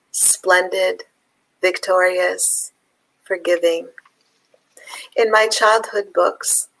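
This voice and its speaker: A woman from Palestine, a poet, talking thoughtfully with pauses and fillers, then reading her own poem aloud. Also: on the low side, gravelly, a bit bright, poor audio. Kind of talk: conversation and poetry reading.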